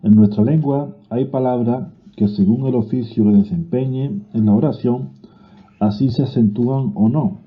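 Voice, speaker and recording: A man with a Spanish accent reading a grammar lesson aloud, slow and deliberate, sometimes restarting a word. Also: mid-range voice. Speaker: teacher. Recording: phone-like narrow-band audio.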